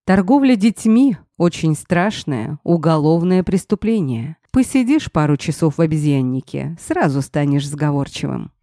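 A woman's voice: deep voice, big pitch swings, moderate pace, few pauses, dark tone, no echo, studio quality. A woman voicing a mocking, intimidating male police sergeant. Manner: sneering, intimidating.

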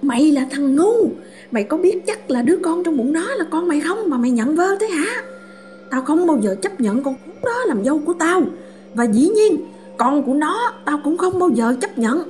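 A woman's voice: mid-range voice, expressive, moderate pace, dark tone, soft background music, lightly acted. A woman voicing a cruel, scheming old mother who wails and snarls in a storybook tale. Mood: vicious. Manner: wailing, then snarling and spiteful.

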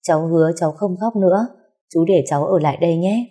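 A woman's voice: on the low side, quick pace, dark tone, husky. A woman voicing a heartbroken young pregnant wife who pleads tearfully in a storybook reading. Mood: pleading.

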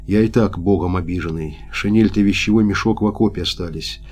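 A gruff, indignant wounded soldier, read by a man in an audiobook, his voice dropping low and quiet as he grumbles and curses in a rough folksy way. stubborn and hurt, he never lets up. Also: fairly quick.

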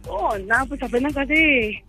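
A woman's voice: sits high, takes it slowly, sharp tone, soft background music. A woman calling in to a radio show on the phone, chatty and agreeable. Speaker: caller. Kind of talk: casual chat on a radio call. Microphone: phone call.

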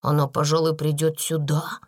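A woman's voice: deep voice, flat delivery, normal speed, voice pushed down. A woman doing a timid kind schoolgirl. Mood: alarmed. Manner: timid, hesitant.

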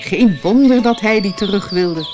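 A woman's voice: mid-range voice, moderate pace, over music, close to an everyday voice. Woman voicing a kind elderly grandmother. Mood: admiring.

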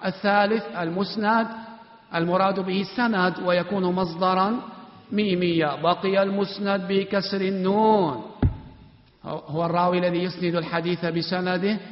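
A man teaching an Islamic study class, quizzing students one by one in a commanding, brisk way with a sometimes chant-like delivery. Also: high voice, steady tone. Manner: commanding, brisk orders to stand and sit. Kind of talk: classroom question and answer. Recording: echoey hall, dull lo-fi sound.

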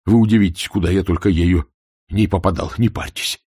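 A man's voice: sits low, steady tone, brisk, darkish tone, slightly rough, no echo, clean studio sound. A man voicing a nervous, blustering older male sergeant who grumbles and mutters in an audiobook.

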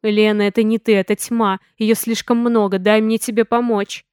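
A woman's voice: mid-range voice, little pitch movement, normal speed, a little mellow, clean tone, no room sound, studio quality, natural voice. A woman voicing a stern, powerful male mage who speaks in clipped, cold commands.

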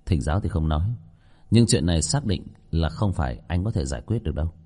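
A man voicing a composed, smiling restaurant owner who serves ghosts, speaking with quiet assurance. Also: sits low, expressive, quick pace, husky, faint music behind. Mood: calm. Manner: composed, faintly teasing, commanding with the ghost.

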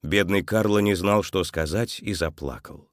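Reading a children's tale, this male narrator has a low, deep voice and an expressive style that turns gentler during sad moments. He speaks at normal speed, captured close-up and dry without any echo.

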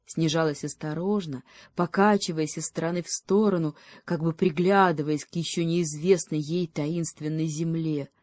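A woman narrating a children's fairy tale in a gentle, lyrical reading voice. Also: deep voice, fairly even intonation, normal speed, few pauses, no echo. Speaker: storyteller. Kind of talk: scripted storybook narration.

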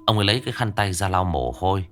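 A man's voice: low voice, expressive, rapid-fire, faint music behind. A man narrating a ghost story in a tense, dramatic storytelling manner.

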